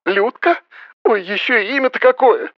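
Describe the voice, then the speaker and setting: A man's voice: moderate pace, dry recording, lo-fi sound. A man reading an audiobook, voicing a fretful, snobbish middle-aged mother who wails and pleads. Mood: wailing. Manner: wailing, pleading, high-pitched.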